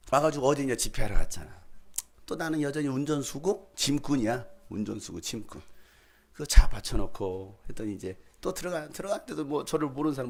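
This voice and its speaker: Husky-voiced pastor telling lively stories. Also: male voice, medium pitch. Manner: animated, humorous anecdotes with acted dialogue. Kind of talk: sermon with storytelling.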